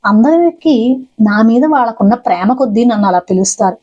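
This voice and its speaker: A woman's voice: on the high side, animated, normal speed, warm tone, dull audio. A woman voicing a pleading pious devotee. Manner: pleading, reverent. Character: pious male devotee, eager host.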